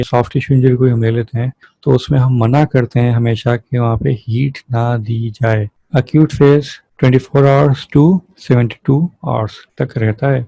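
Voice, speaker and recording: A physiotherapy lecturer explains concepts with everyday examples, asking his own questions and answering them like a teacher, and he switches between Hindi-Urdu and English terms. His mid-range voice is mellow, though the audio is poor.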